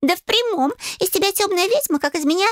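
A woman's voice: extremely high pitch, lively intonation, fast, no echo, clean studio sound, voice pushed up. A woman voicing a sarcastic female owl familiar in an audiobook, mocking and indignant.

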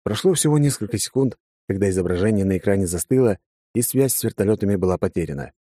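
A man's voice: lowish voice, expressive, fast, dark tone, dry recording. A man narrating a first-person fantasy audiobook with wry, dry asides.

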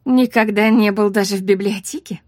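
A woman's voice: medium pitch, fairly even intonation, brisk, no room sound, studio quality, lightly acted. A woman voicing a blunt young female cadet with terse lines, in an audiobook.

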